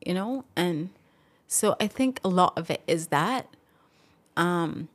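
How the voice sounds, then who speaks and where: A young adult woman talks through her story as a podcast guest. Her voice sits low for a woman, and she speaks in a relaxed, reflective way. When feelings rise she eases off with a small laugh. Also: slow pace. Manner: reflective, gets emotional and laughs it off. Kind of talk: casual interview talk.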